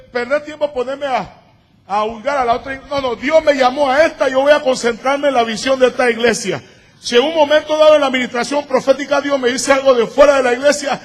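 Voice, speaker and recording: A man with a very high-pitched voice preaches a sermon as a pastor. He moves from calm explanation into shouted, emphatic declarations. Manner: preaching, rising to shouts at times.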